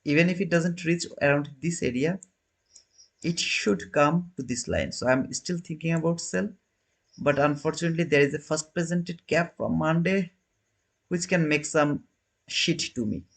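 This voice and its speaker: This man in his thirties has a gravelly voice on the high side and talks at a normal speed. Hosting a laid-back trading stream, he answers viewer comments with non-native wording and keeps starting his sentences over.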